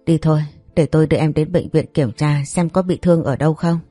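A woman voicing a gentle, caring young man. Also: deep voice, a little fast, no room sound, soft background music. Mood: soothing. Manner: soft and soothing.

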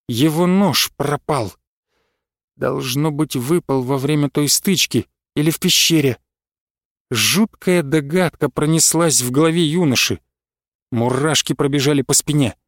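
A man reading a fantasy novel aloud in a measured pace, slowing down for tense moments, on a close studio mic. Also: on the high side, no room sound. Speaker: audiobook narrator. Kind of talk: scripted fantasy narration.

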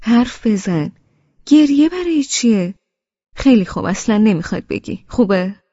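A woman voicing a calm, serious young man who talks in a measured, earnest, gently scolding way. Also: lowish voice, no room sound. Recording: dull, dry studio audiobook.

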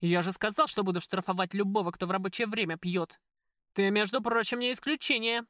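A woman voicing a crude, pushy male restaurant boss in an audiobook, gruff and wheedling by turns. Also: fairly low pitch, fairly even intonation, brisk, dry recording, clean studio sound, lightly acted. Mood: stern. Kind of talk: audiobook character voice.

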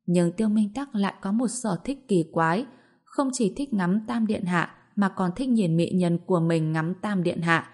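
Low-voiced woman narrating a novel. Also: moderate pace, a little mellow. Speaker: audiobook narrator. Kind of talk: scripted fantasy novel narration.

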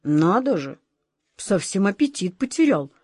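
A woman's voice: mid-range voice, big pitch swings, measured pace, darkish tone, breathy edge, no room sound, clean studio sound. A woman voicing Vaska, a lazy melancholy male house cat in a fairy tale, grumbling to himself.

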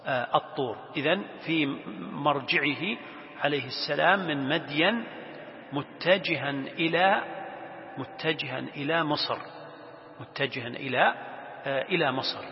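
A man explains scripture in a slow, measured lesson, stopping often on drawn-out fillers and lifting his voice for the recited verses. His voice sits a bit high for a man. The recording is dull and lo-fi, with the long ring of a large hall. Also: expressive. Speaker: Quran tafsir teacher. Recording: echoey hall, dull lo-fi sound.

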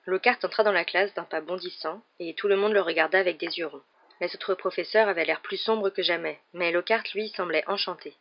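Steady audiobook narrator, dull recording. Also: medium pitch, brisk. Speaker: audiobook reader. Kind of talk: scripted narration.

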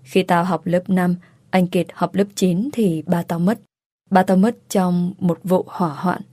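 A woman's voice: fairly low pitch, steady tone, a little slow, warm tone, dry recording, clean studio sound. Woman reading as a blunt young woman friend. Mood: somber. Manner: brash, teasing, crude slang.

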